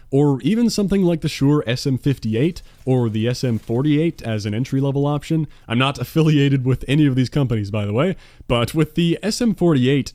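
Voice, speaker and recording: A man's voice: medium pitch, a little mellow, no echo. A man in his twenties, a gaming YouTuber answering viewer questions in a casual monologue, with dry, sarcastic, self-mocking humor, recorded at home on a dynamic studio mic. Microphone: dynamic studio mic on a stand.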